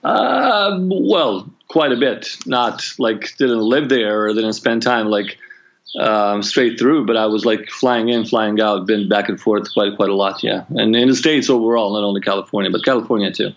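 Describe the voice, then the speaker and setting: Gravelly Croatian-accented guest on a dull line. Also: male voice, on the low side, normal speed. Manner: hesitant, filler-heavy. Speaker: interview guest. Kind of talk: casual interview chat.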